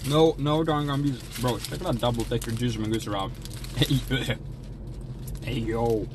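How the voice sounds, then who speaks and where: A man's voice: mid-range voice, steady tone, measured pace, noisy background. A young man livestreaming, chatting casually while eating, in a jokey, folksy put-on American drawl. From Sweden. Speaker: streamer.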